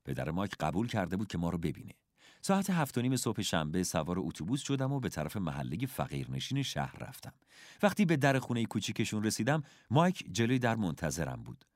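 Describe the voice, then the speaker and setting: A man narrates a first-person storybook in a lowish voice. His delivery is expressive and measured, with wide swings in pitch. The recording is dry and close. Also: dry recording. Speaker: audiobook narrator.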